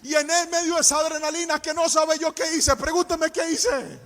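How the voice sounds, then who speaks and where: A man preaching a sermon in a church, speaking in an animated, sing-song cadence that rises to shouts and mixes in personal stories. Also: very high-pitched, moderate pace. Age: adult, married with a child. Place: church service. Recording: echoey church hall.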